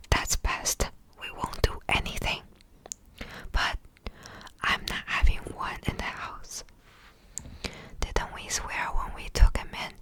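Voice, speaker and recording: An ASMR reader whispers a storybook right into your ear, fully unvoiced and breathy. The delivery is very slow and soft, with crisp clicky mouth sounds close to the microphone. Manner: unhurried storybook narration. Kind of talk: whispered ASMR reading of a children's fantasy novel.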